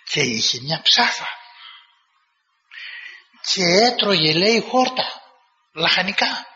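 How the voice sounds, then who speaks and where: A male preacher gives a sermon in a very bright, sharp, somewhat high voice, telling stories vividly and acting out quoted dialogue in a raised voice. The recording is dull, with a long reverb like a large hall.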